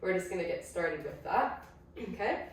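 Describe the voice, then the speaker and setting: Croaky woman coaching exercise in an echoey room. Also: on the low side, animated, moderate pace. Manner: chatty, encouraging, self-correcting. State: croaky from illness. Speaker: pilates instructor. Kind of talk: guided exercise class. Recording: very echoey room, distant mic, faint ambience.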